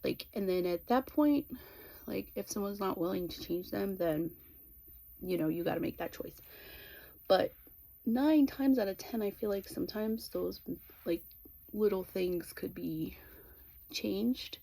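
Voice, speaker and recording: Husky, gravelly middle-aged woman chatting candidly. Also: medium pitch, expressive, warm tone. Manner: candid, rambling, halting with trailing pauses. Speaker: vlogger. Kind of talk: casual confessional chat to viewers.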